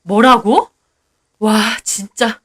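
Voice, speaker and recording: A woman's voice: on the high side, fairly even intonation, extremely slow. A woman voicing a defensive, short-tempered young husband who complains in snappish bursts. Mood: exasperated.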